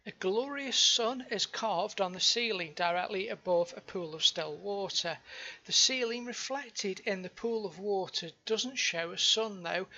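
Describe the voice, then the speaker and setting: A woman with a bright, medium-pitched voice narrates a tabletop game as its game master. She feels her way through explanations. The sound is a little dull, like an online call.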